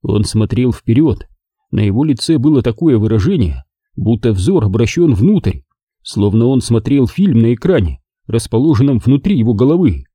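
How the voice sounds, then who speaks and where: Male audiobook reader, very dark voice, lively expressive reading, dry close sound. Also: medium pitch, moderate pace, slightly rough, no room sound. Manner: expressive storytelling. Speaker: audiobook narrator. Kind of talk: scripted audiobook narration.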